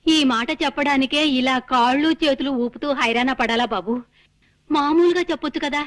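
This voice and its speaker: A woman's voice: sits high, a little fast, close to an everyday voice. An actress playing an ailing, half-deaf old mother who complains and pleads in film dialogue. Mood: grateful. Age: older.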